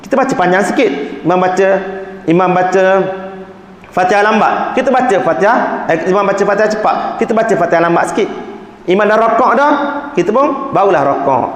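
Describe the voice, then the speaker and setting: A man gives a religious book lesson in a mosque, his voice sitting fairly high for a man. He talks conversationally and keeps turning to his listeners with quick check-ins. The hall around him rings with a long, roomy reverb. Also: animated. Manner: conversational teaching, fillers like "nah", "ha", "tak?". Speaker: religious teacher.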